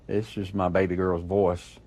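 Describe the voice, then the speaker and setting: A man, a father, speaking gravely and with certainty in an interview. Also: sits low, level tone, a little slow, a little mellow. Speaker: victim's father.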